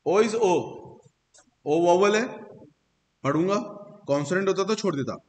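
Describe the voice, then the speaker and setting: A man's voice: sits high, measured pace. A man teaching a French pronunciation class in a classroom, explaining rules step by step and praising his students. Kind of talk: classroom lesson with slides. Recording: long reverb, faint hiss.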